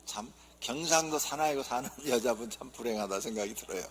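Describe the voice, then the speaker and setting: A male pastor opening his sermon by telling jokes in a lively storytelling manner. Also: medium pitch, brisk, a little hiss or hum. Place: church sanctuary. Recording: long church reverb.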